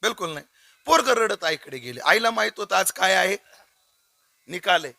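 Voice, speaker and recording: Man, kirtan preacher, jokey storytelling, high, lively pitch. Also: normal speed, vocal fry, dry recording. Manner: jokey, asks the audience questions. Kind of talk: humorous storytelling sermon.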